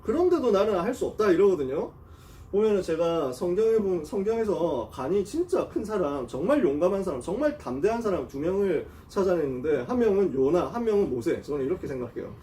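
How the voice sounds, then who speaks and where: Animated high-voiced male preacher. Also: brisk, far from the mic, a little hiss or hum. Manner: animated, casual storytelling, acts out quotes. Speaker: youth group pastor. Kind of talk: sermon. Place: church youth service.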